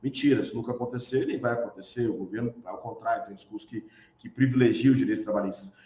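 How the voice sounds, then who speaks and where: A man's voice: mid-range voice, rapid-fire, dark tone. Man lecturing in an echoey room. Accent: Brazilian Portuguese. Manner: explanatory, poses rhetorical questions, frequent tag questions. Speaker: university lecturer. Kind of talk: recorded online lecture. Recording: echoey room, dull lo-fi sound.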